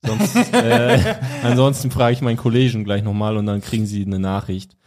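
Hesitant young man, slightly low voice. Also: moderate pace, darkish tone. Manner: hesitant, many filler sounds. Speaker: podcast co-host. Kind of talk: casual chat.

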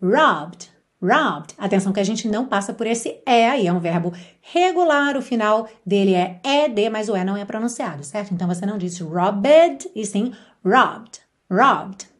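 A woman, teaching English on a podcast and patiently explaining, slowing down for English example phrases. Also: mid-range voice, lively intonation. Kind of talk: podcast language lesson.

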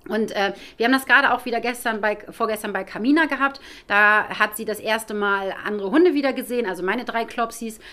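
A woman's voice: a little high, brisk, few pauses, sharp tone. A woman, a dog trainer from northern Germany, co-hosting a podcast and talking emphatically, often tagging her points with "ne?". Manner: emphatic, opinionated, tags lines with "ne?". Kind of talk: casual podcast chat.

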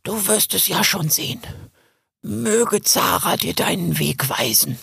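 A timid old salamander in a storybook audiobook. The voice is cracked and gravelly, slow and breathy, and it stammers and half-whispers its words. It sounds dry and close. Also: male voice, sits high, animated, sharp tone, no echo, voice pushed up, exaggerated voice. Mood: nervous. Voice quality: creaky, breathy, halting.

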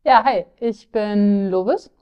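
A woman's voice: mid-range voice, takes it slowly, smooth, highs cut off. A young woman from northern Germany, speaking candidly as a client in a podcast interview, with filler sounds and restarts. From Lower Saxony, Germany.

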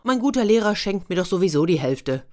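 A greedy, cheeky young boy from a children's storybook, eager and forever talking himself into one more bite, put on by a woman reader. His voice sits a little higher than the reader's low natural tone. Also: big pitch swings, brisk. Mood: musing. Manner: eager, self-justifying.

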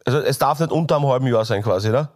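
A young man with an Austrian German accent, co-hosting a podcast and telling stories in a casual, animated way with frequent laughs. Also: medium pitch, rapid-fire. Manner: animated storytelling, laughing often. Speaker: podcast co-host. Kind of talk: casual chat.

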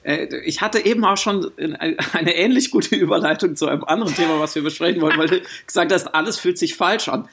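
A man with a gravelly, slightly raised voice co-hosts a relaxed podcast chat. He talks in long, searching sentences and keeps breaking off to rephrase. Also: fairly high pitch, fast talker, few pauses, a little hiss or hum. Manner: thoughtful, wordy, with frequent restarts and laughs. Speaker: podcast co-host. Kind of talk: casual podcast conversation.

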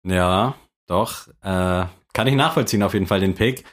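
A young man co-hosting a podcast, rambling along in relaxed, colloquial chat. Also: deep voice, normal speed. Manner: laid-back, rambling, with colloquial slang. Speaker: podcast co-host. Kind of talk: casual chat.

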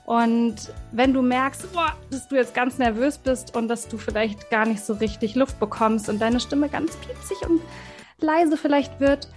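A woman's voice: fairly high pitch, measured pace, soft background music. A woman, a voice expert, explaining to children in an interview and speaking to them directly and encouragingly. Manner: warm, encouraging, speaks directly to kids with vivid examples. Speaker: voice and communication expert, guest.

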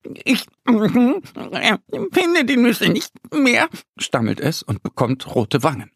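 A man's voice: high-pitched, wildly swooping pitch, slow, gravelly, a bit bright, breathy edge, no echo, voice pushed up, exaggerated voice. A timid little squirrel in a children's audio story. The voice sits far above his own, stammering and hesitant. The recording is dry and close. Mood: sheepish.

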